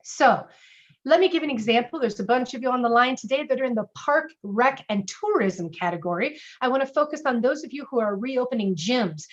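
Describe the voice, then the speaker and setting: Lively woman trainer on lo-fi audio. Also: on the high side, a little fast. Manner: lively, conversational, acts out sample lines. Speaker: speaker and customer service trainer. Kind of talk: casual webinar teaching.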